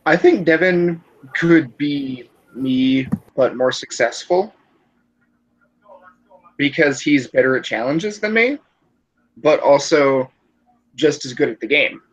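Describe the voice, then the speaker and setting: A man's voice: a little high, expressive, slow pace, pauses often. A young man in casual group chat on a call, rambling and hesitant with many ums. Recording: dull lo-fi voice call.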